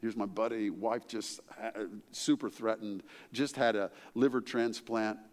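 A middle-aged male pastor preaching a sermon, chatty and conversational, swinging from quiet asides up to emphatic, higher-pitched peaks. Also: steady tone, measured pace. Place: church sanctuary. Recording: long hall reverb.

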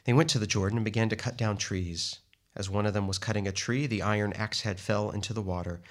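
A man giving a steady, measured Bible reading, lightly voicing the people in the text. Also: lowish voice. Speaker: scripture reader.

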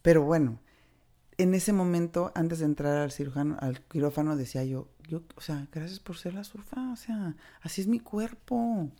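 A woman's voice: deep voice, moderate pace, mellow. A woman with a Mexican Spanish accent, casually and candidly telling a personal story, acting out the dialogue with slangy flair. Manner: chatty and candid, slangy, acts out dialogue with shifting voices.

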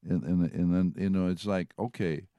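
A man's voice: deep voice, steady tone, normal speed, dry recording, highs cut off. A man teaching from the Bible in a conversational way, retelling and reading passages aloud. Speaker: preacher.

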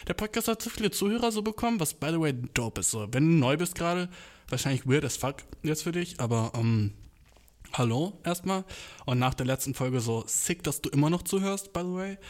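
A man's voice: on the high side, lively intonation, a little fast, darkish tone. A man hosting his own podcast, rambling in casual chat, swearing a lot and dropping English slang into his rants. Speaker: podcast host.

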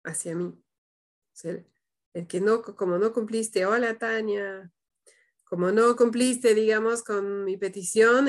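A woman leading a parenting practice group, speaking calmly and thoughtfully with frequent questioning tags. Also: mid-range voice. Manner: calm, thoughtful, many "¿no?" tags. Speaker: group facilitator. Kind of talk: reflective group discussion.

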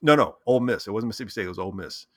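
A man's voice: fairly low pitch, animated, very fast. A man in casual sports chat, talking animatedly, repeating words and acting out what he said and thought. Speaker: sports talk co-host.

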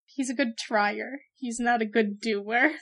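A woman with a Midwestern American accent chats casually as a podcast co-host. Her voice is a touch high, and she drops short, dry quips. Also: fairly even intonation, slow pace, a bit bright, slight background noise. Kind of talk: casual chat.

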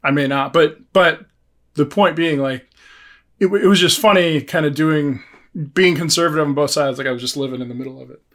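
A man's voice: fairly high pitch, fairly quick, fairly bright tone. A man co-hosting a podcast in casual conversation, informal and thinking aloud as he goes. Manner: informal, thinking aloud with false starts and self-quotes. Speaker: podcast co-host.

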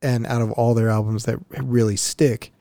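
Laid-back, swearing man, dark voice. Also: mid-range voice, flat delivery, moderate pace, no echo, studio quality. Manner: profane, laid-back, laughs often. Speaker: podcast co-host. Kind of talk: casual chat.

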